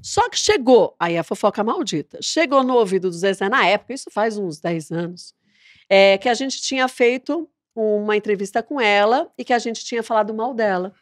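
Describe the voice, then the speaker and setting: A woman, a TV presenter, chatting as a podcast guest and telling a story lively, acting out the dialogue. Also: medium pitch, moderate pace, no echo, studio quality. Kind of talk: casual interview chat.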